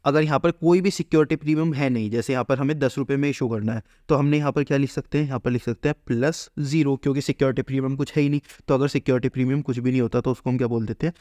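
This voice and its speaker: A commerce teacher races through an accounting lesson with hardly any pauses, his mid-range voice steady and dark. He asks questions and answers them himself, and voices what a company would say. The studio recording is clean, with no room sound.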